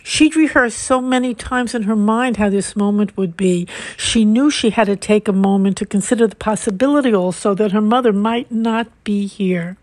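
A woman narrating a cozy mystery in a measured, unhurried reading. Her voice sits in a middle pitch. The recording is dry and close, with no room sound. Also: a little mellow, dry recording. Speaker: audiobook narrator. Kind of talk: scripted narration.

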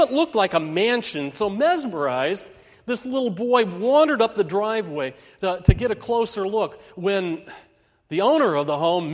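A man's voice: high-pitched, big-room sound. A man preaching a Christmas sermon in a church, telling a story earnestly with frequent restarts.

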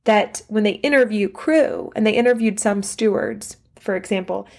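A woman's voice: mid-range voice, moderate pace, vocal fry. A woman hosting a solo history podcast, telling it in a conversational, digressive way with side notes. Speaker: podcast host.

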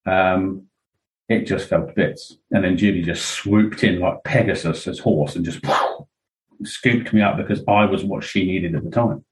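A middle-aged man speaks in a lowish register. He talks candidly as a podcast guest. His talk rambles, full of fillers and quoted asides. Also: a little slow, low-quality recording. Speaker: interview guest.

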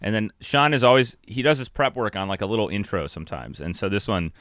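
A man's voice: on the low side, fast talker, fairly bright tone, dry recording, clean studio sound. An American man co-hosting a podcast with casual banter. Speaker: podcast co-host.

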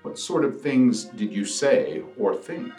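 A man reading a Good Friday scripture passage and leading prayers in a slow, deliberate, solemn way. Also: medium pitch, big pitch swings. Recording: echoey room, voice from a distance, soft music behind.

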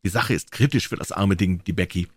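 A man's voice: low voice, brisk, breathy edge, dry recording. A man voicing a cocky young schoolboy who scoffs while muttering to himself. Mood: scornful.

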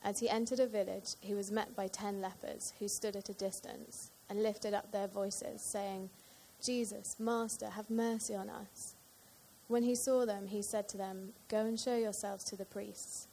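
Brief: woman reading scripture aloud, mellow dark tone, steady delivery, faint background noise. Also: medium pitch, unhurried, gravelly. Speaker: scripture reader.

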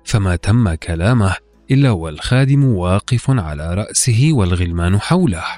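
A man narrates an old folktale in formal literary style. His voice sits rather low and is recorded dry, with music playing underneath. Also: expressive, normal speed, darkish tone, dry recording. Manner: formal literary storytelling, acting out quoted dialogue. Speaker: storytelling podcast narrator. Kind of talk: scripted classical folktale narration.

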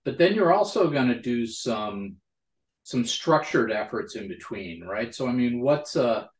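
A man's voice: mid-range voice, lively intonation, measured pace. A man hosting a casual interview, explaining things and often checking in for agreement, in a roomy, echoing recording. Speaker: podcast host.

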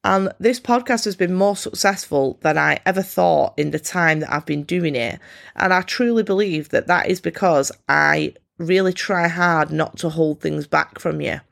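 A woman hosting a solo self-help podcast, talking candidly and encouragingly in a croaky, froggy voice with a congested nose. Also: fairly low pitch, moderate pace, a bit bright. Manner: candid, informal, encouraging, swears freely. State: congested, snotty nose from a cold. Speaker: podcast host.

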